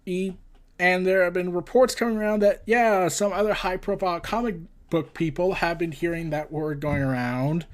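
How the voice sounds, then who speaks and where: Hosting a casual comics and entertainment news roundup, a man with a notably high-pitched voice rambles through his commentary. He's scattered and halting, frequently tongue-tied and circling back to find his place.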